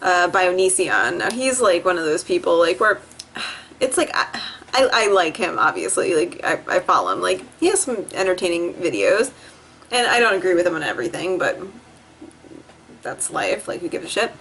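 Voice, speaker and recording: Speaking at a normal speed with a fairly bright tone, this young woman from New Jersey is very animated, her voice on the low side. She vlogs indoors at home, rambling and swearing into the camera, often laughing and performing her own quotes, with slight background noise.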